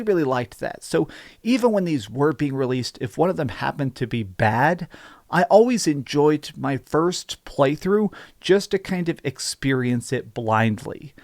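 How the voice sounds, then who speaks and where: An American man giving enthusiastic gaming news commentary in an excitable, emphatic, gushing way. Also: fairly high pitch, dry recording, clean studio sound. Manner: excitable, emphatic, gushing with repeated words and hyperbole.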